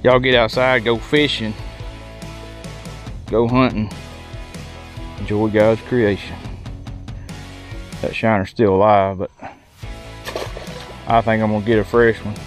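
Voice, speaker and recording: A man's voice: fairly low pitch, little pitch movement, slow, long pauses, faint music behind. Folksy man fishing outdoors. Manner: folksy, chatty, addresses viewers as y'all. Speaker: fishing vlogger. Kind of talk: casual outdoor commentary. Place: outdoors at a pond bank.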